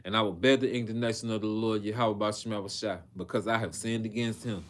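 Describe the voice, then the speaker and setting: Low-voiced man preaching casually. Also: steady tone. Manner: casual, profane asides between readings; halting, frequent fillers and restarts. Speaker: preacher on a livestream. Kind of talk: scripture reading with loose commentary.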